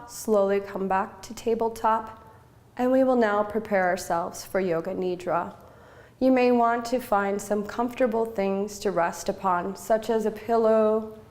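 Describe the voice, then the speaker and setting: A woman yoga instructor guides a relaxation session in short, measured, soothing phrases separated by pauses. Her voice is mid-range with a somewhat dark tone.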